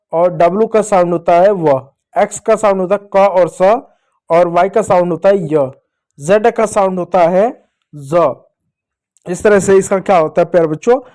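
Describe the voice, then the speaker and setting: A man's voice: high-pitched, a little mellow. A man teaching English phonics to children, patiently asking the class questions and answering them. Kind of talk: explaining to children.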